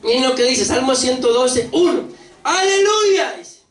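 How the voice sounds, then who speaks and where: A pastor with a Costa Rican accent preaching a lively sermon, asking the congregation questions and acting out voices. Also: high-pitched, moderate pace. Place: church hall. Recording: echoey church hall, distant mic, faint noise.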